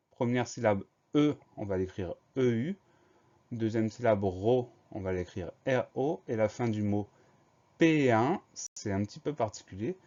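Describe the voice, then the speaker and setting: A man's voice: lowish voice, mellow, highs cut off. A man teaching a spelling lesson to primary pupils, methodically spelling each word out letter by letter.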